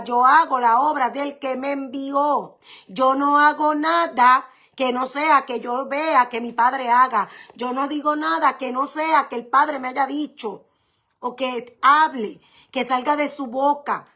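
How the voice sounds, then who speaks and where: A woman's voice: high voice, sharp tone. A woman pastor preaching a sermon, repeating key phrases and asking rhetorical questions.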